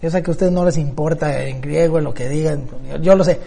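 A man's voice: fairly high pitch, fairly quick, creaky, dark tone. A man preaching a Bible-teaching sermon, explaining word meanings and asking rhetorical questions to his listeners.

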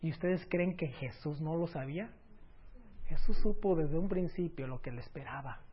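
A man preaching a sermon, swinging between loud emphatic lines and soft, near-whispered words. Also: fairly high pitch, moderate pace, breathy edge. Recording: dull lo-fi recording.

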